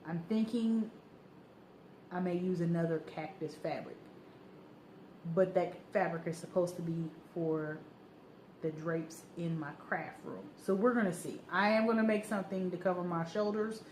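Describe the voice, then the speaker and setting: A woman with a somewhat low voice chats through a home sewing vlog, excitable and rambling from one thing to the next. The room around her is roomy and echoey, with a faint hum of background noise. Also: moderate pace. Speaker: sewing vlogger. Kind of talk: casual vlog chat.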